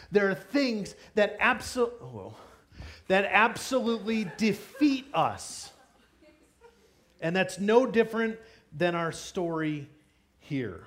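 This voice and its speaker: A man giving a lively children's sermon, asking the kids questions and joking with them. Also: fairly high pitch. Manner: energetic, playful, asks the kids questions. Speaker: children's pastor. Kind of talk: kids' sermon with audience interaction.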